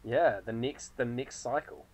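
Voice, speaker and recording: A man in casual podcast conversation, relaxed and loose in his phrasing. His speech is full of "like" fillers, and he laughs easily. He has a medium pitch and talks into a podcast microphone. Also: a little slow, rough recording. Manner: laid-back, lots of filler "like", laughs often. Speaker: podcast co-host. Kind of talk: casual film discussion.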